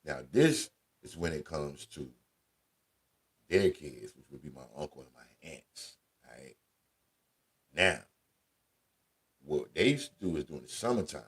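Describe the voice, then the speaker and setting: A man with a deep voice, telling casual family stories as a radio show host, laid-back and conversational with slang. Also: breathy edge. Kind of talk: casual storytelling monologue.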